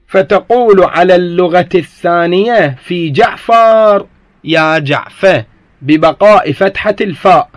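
High-voiced man teaching Arabic grammar. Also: fairly bright tone, no room sound. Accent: Iraqi Arabic. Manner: explains step by step, often checks if students follow. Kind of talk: classroom lesson explaining a grammar text.

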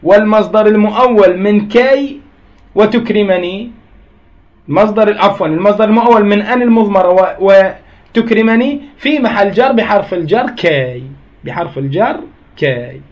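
A man's voice: high-pitched, normal speed, a little mellow. A man teaching grammar, reading a text aloud and then explaining it with repeated examples.

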